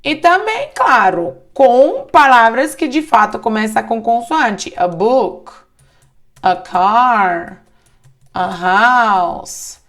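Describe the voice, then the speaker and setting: A woman teaching English grammar in a slow, deliberate way, often checking in with the listener. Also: fairly high pitch. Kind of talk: online grammar lesson in Portuguese.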